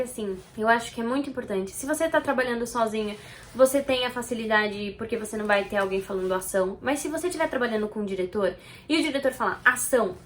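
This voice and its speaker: A woman with a Brazilian Portuguese accent, a video editor talking straight to camera and giving lively, expressive tips to viewers. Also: on the high side, a little hiss or hum. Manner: expressive, animated, addresses viewer directly. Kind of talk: direct-to-camera tutorial.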